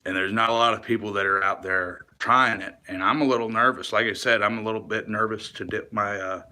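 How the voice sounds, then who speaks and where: A man giving a rambling, confessional monologue to camera, halting and restarting often and swearing casually. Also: on the low side, steady tone, bright, forceful tone.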